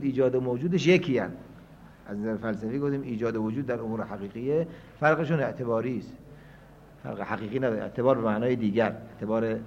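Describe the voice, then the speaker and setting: A man teaching a scholarly lecture, reasoning aloud and moving between quiet stretches and emphatic points. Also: medium pitch. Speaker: seminary teacher. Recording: dull lo-fi lecture recording.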